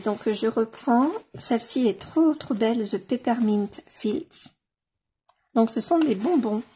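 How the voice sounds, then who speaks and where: A woman casually leafing through a coloring book on camera, gushing over the pages with many fillers and slowly sounding out titles. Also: on the high side, dark tone, husky. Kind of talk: casual flip-through commentary.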